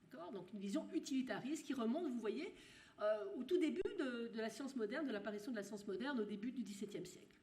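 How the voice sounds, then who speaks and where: A woman giving a university lecture. She talks in halting bursts with many restarts and puts rhetorical questions to her audience. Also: a little high, dark tone. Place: lecture hall. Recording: roomy hall sound.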